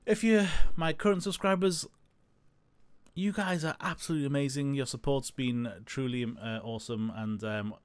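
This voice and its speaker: Hesitant man hosting game commentary. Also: lowish voice. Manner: hesitant, many fillers, thinking out loud. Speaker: gaming channel host. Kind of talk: casual gameplay commentary.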